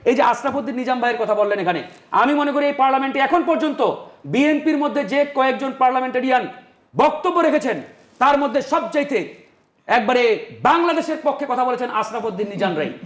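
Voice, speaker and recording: Male panel guest, very high voice, fast, combative debater in an echoey studio. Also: animated. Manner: forceful, insistent, talks over the host. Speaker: talk show guest. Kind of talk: heated political debate.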